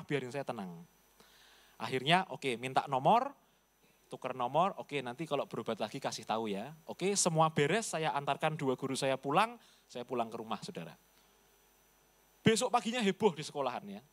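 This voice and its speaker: A male pastor preaching a sermon, telling a personal story with animated delivery, acting out the voices of others and often addressing the congregation. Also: mid-range voice.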